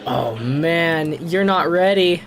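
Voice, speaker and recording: A man chatting casually on a live stream, excitable and jokey, laughing often. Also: fairly high pitch, slow pace, music in the background. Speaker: streamer reading creepypastas.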